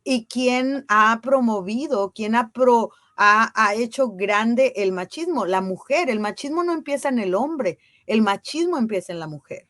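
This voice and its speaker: A woman speaks as a guest in a casual interview. Her voice sits fairly high and sounds dry and close. She talks earnestly and with emphasis, often asking rhetorical questions. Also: expressive, measured pace, hardly any pauses, fairly bright tone, no echo. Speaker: guest on women's ceremonial circles.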